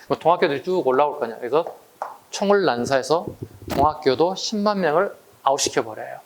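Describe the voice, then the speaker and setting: A man's voice: fairly high pitch, animated, fairly quick, background noise. A man teaching an exam-prep history lecture, chatty and full of rhetorical questions to his students.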